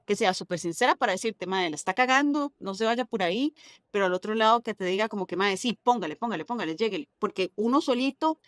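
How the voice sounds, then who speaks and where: A novelist from Costa Rica, speaking with a Costa Rican accent, chats as a guest in a casual interview and drops local slang. Her medium-pitched voice is animated and fast, captured as a dry, studio-quality recording.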